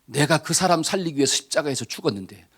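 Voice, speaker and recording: A pastor voicing God, who speaks in a low, grave, reproachful tone. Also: male voice, lively intonation, quick pace, slightly rough.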